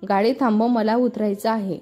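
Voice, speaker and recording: Hot-tempered college girl in a story, woman reading, mellow tone. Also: a little high, steady tone, normal speed, natural voice. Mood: indignant. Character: young female college student, proud, quick-tempered.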